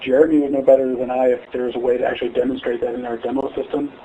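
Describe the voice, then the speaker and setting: A man's voice: mid-range voice, flat delivery, very fast. A man on a webinar panel giving an easygoing, hedging answer to a technical question. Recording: tinny phone-line audio with faint hiss.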